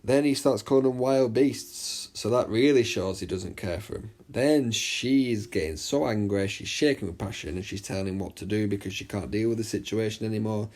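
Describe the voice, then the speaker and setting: A man teaching an exam revision lesson in a chatty way, often checking understanding and reading the extract aloud slowly. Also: fairly low pitch, a little mellow. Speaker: English literature teacher.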